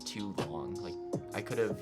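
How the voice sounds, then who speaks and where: Self-mocking young man over loud music. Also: on the low side, expressive, moderate pace. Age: young adult. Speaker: YouTube art channel creator. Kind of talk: casual reaction commentary with friends.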